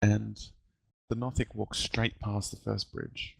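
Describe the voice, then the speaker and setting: A man narrating a tabletop game as dungeon master, with halting, filler-filled description. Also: fairly low pitch, flat delivery, vocal fry, slightly rough, low-quality recording.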